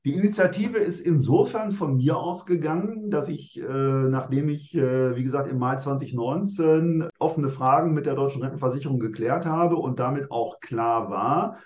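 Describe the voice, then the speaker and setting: Man in his sixties, formal and measured. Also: medium pitch, darkish tone, echoey room, highs cut off. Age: 60s. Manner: measured, structured, formal wording. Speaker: interviewee. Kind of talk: reflective interview answers.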